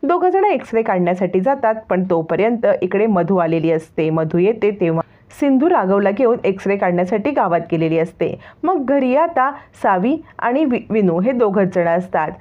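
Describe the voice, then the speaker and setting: A woman narrating and retelling the plot of a serial in a steady storytelling manner. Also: medium pitch, normal speed. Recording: tinny phone-like sound.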